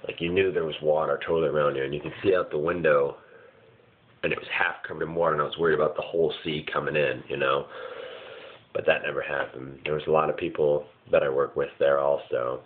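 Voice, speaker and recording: A man's voice: a bass voice, little pitch movement, fast. A man casually recounting his dreams in a hazy, puzzled way, vague and often searching for words. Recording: muffled phone-like lo-fi sound.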